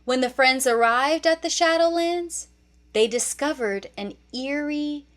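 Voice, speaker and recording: With a high-pitched voice, a woman reads a children's read-along storybook, expressive and deliberate in her storytelling.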